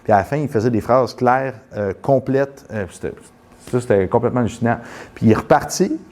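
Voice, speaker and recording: A man with a Quebec French accent, telling a rambling, animated story full of restarts and then guiding a postural check. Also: medium pitch, a little fast. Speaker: postural therapist. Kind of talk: casual storytelling and live demonstration.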